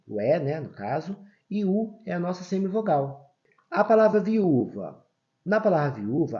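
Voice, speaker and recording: A man's voice: a little high, dark tone, lo-fi sound. A man teaching a grammar lesson, explaining patiently and checking in often with his students.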